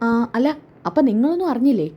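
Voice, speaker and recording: A woman's voice: a little high, big pitch swings, racing, husky, muffled recording. A woman voicing a blunt offhand young man. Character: blunt young man, a friend spreading news.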